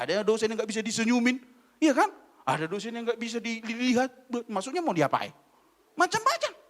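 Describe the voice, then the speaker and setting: A man's voice: very high-pitched, a bit bright. A man from Indonesia preaching a sermon as an evangelist, blunt and scolding, telling stories with quoted dialogue. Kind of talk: sermon with storytelling. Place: church.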